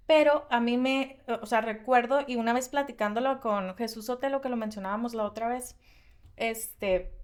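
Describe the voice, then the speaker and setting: A woman with a Mexican Spanish accent and a high voice talks through a casual podcast conversation. She tells her stories animatedly, rushing through some stretches and slowing on others. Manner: animated storytelling, fast bursts, frequent laughs. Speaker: podcast co-host.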